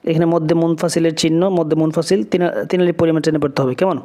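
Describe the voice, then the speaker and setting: A man teaching Quran reading, spelling out letters and vowel marks and chanting the words slowly, with brief quicker explanations of each rule. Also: fairly high pitch, flat delivery, warm tone. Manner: drawn-out chanted recitation between quick spoken explanations; asks "কেমন?" after each rule.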